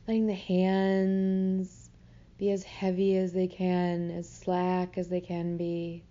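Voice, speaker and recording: A woman leads a guided meditation in a soothing, gentle way, unhurried and with long pauses. Her voice is fairly low and monotone, and the audio is slightly muffled.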